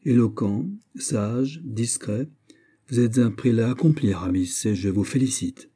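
A man voicing D'Artagnan, an aging, proud and sly musketeer, in an audiobook reading, talking in a brisk, boastful way. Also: mid-range voice, warm tone, slightly rough. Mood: assured.

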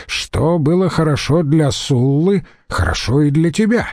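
A man's voice: on the high side, animated, unhurried, a little mellow, no echo, studio quality, voice pushed up. A male audiobook reader voicing a witty young Roman senator with a mocking, breezy manner. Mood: teasing.

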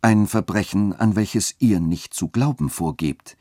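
A man reading a story aloud and voicing a scheming, smooth-talking church dean who shifts between insistence and soft coaxing. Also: on the low side, measured pace, no echo, clean studio sound. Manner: insistent, then softly coaxing. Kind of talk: literary reading.

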